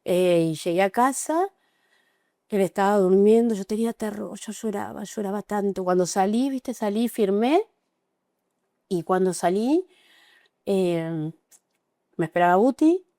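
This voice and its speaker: A middle-aged Argentine woman giving an emotional, halting personal account as an interview guest, with frequent restarts. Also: medium pitch, expressive, mellow, no room sound, clean studio sound. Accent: Argentine Spanish. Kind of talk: personal testimony in conversation.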